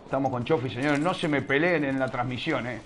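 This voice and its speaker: A man's voice: medium pitch, fairly quick, fairly bright tone, a little hiss or hum. A man with a Rioplatense Spanish accent casting a live online shooter tournament, chatty and teasing, scolding his chat with playful slang. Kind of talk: live game commentary.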